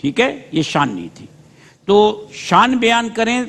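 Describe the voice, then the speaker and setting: A man's voice: high-pitched, big pitch swings, vocal fry, fairly bright tone, in a large hall. A man judging a speech contest on a TV show, bluntly pointing out a young contestant's mistakes. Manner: blunt, corrective. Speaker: competition judge.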